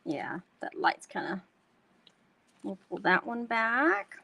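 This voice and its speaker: A woman's voice: mid-range voice, big pitch swings, takes it slowly, creaky, sharp tone. A woman from North Texas with a Texan twang, hosting a chatty live craft tutorial and talking to her viewers as y'all. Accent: Texan Southern twang. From North Texas, USA. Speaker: host demonstrating card making.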